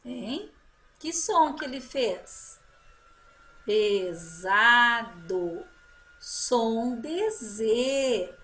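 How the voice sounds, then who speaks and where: A woman teacher giving a children's phonics lesson, drawing out example words slowly and praising her pupils. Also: high-pitched, animated. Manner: slow drawn-out model words, encouraging teacher talk.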